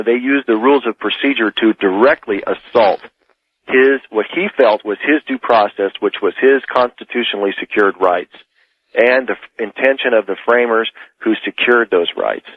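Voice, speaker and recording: On a radio show, a male caller argues politics insistently in a heated, debating style. His mid-range voice moves at normal speed with no room sound, and the call has a dull lo-fi quality.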